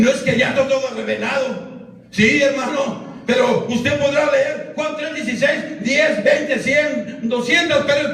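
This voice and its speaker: A high-pitched man delivers a fervent sermon, pushing his voice into shouted emphasis. He sounds far from the microphone, and his words ring through a heavily echoing church hall. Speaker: pastor. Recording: very echoey hall, voice far from mic.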